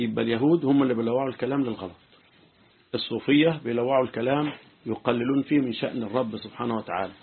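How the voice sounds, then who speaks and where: An Egyptian sheikh gives a fast, chatty religious lesson, often checking that his listeners follow. His voice is slightly husky. The sound is thin and phone-like. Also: medium pitch. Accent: Egyptian Arabic. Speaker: sheikh teaching Quran commentary. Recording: tinny phone-like lo-fi recording.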